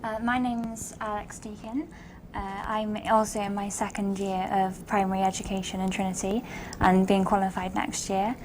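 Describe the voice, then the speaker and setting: A young woman talks in a flat, even tone at a medium pitch. She introduces herself as an interview guest, with some background noise. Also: moderate pace, low-quality recording. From west Wales. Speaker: student teacher, interview guest. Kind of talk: conversational self-introduction.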